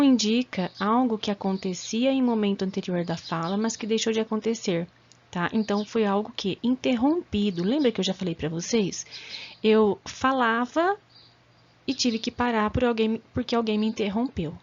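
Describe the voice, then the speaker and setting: A woman teacher with a Brazilian Portuguese accent explaining verb tenses in a recorded lesson, often checking in with "tá?" and slowing down to spell out conjugations. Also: medium pitch, darkish tone. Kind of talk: recorded remote class lesson. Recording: slightly dull lo-fi audio.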